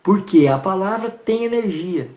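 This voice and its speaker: A man's voice: high voice, normal speed. A man, a horse trainer telling stories animatedly in a live-stream conversation. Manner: animated, storytelling with acted-out greetings. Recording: roomy, dull video-call sound.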